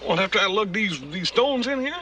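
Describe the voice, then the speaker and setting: An actor playing a big, good-natured, hungry brother in a western drama, plain-spoken and folksy. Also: male voice, high-pitched, expressive, a little fast, bright, forceful tone, slight background noise. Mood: good-natured complaint. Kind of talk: period western television drama acting.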